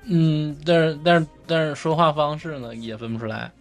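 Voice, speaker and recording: A man with a Northeastern Chinese accent chatting casually as a podcast co-host, explaining in a halting way and often repeating his phrases. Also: fairly high pitch, soft background music.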